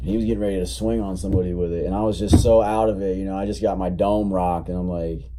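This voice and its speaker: A man's voice: low-pitched, steady tone, quick pace, dark tone, a little hiss or hum. A young man casually telling a story in a rambling, profane, laid-back way, still recovering from being sick. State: recovering from illness, coughing. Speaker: vlogger.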